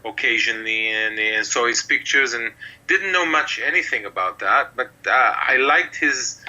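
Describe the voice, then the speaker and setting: A middle-aged Israeli mentalist tells his story as an interview guest, rambling in relaxed talk with plenty of fillers. His medium-pitched voice has a sharp tone and normal speed, and the recording quality is low.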